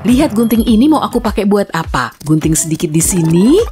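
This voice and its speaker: A woman's voice: mid-range voice, expressive, brisk, music in the background, lightly acted. A woman voicing a cheeky young woman who is sneaking treats into a hospital, in a dubbed comedy sketch. She sounds playful and scheming.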